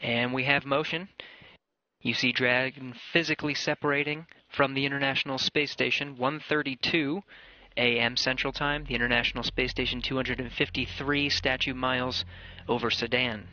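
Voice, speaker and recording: A man giving mission control commentary over a radio-transmitted broadcast, measured and even, with small hesitations. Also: mid-range voice. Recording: dull lo-fi broadcast audio with music behind. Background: music score.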